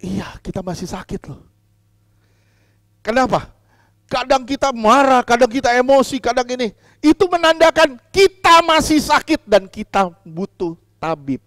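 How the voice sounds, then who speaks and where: A man preaching a sermon as pastor, putting questions to the congregation, repeating key lines and swinging between loud emphatic lines and quiet asides. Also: very high voice, lively intonation, normal speed, dry recording, clean studio sound.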